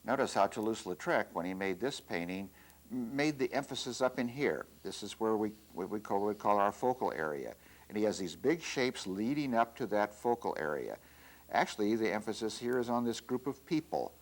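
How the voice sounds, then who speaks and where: A middle-aged man with a somewhat low voice gives an art lesson while he demonstrates. He speaks in a relaxed, halting way, often pausing on fillers and restarting his phrases. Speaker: art teacher. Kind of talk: instructional demonstration.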